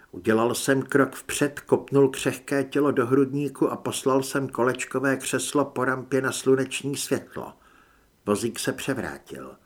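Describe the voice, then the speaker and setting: A man reads an action audiobook aloud and narrates with dramatic weight. His voice is husky and slightly breathy, and it sits at a middle pitch. He acts out the scenes as he goes.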